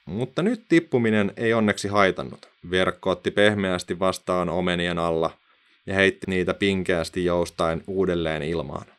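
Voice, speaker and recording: Male narrator, low-pitched, expressive children's story reading. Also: clean tone.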